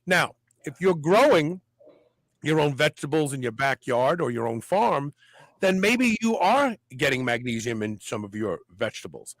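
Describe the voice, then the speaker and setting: A man with a fairly high voice hosts a casual health talk. He talks in an animated way and acts out little inner voices as he explains. His voice is dry and close, with no room sound. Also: moderate pace, no room sound, low-quality recording. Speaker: podcast host.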